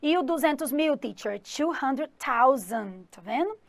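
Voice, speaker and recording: A woman's voice: high voice, animated, unhurried, no echo. A woman with a Brazilian Portuguese accent, an English teacher giving an upbeat exam-prep lesson who often checks in with her students and speaks of herself as the teacher. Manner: calls herself 'the teacher' in third person.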